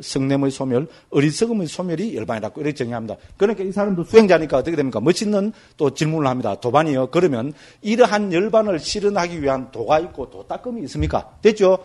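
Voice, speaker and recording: Male Buddhist monk teacher, rapid lively storytelling, fond of tag questions. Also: fairly high pitch. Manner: lively storytelling, constantly asks listeners for agreement. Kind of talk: Buddhist scripture lecture.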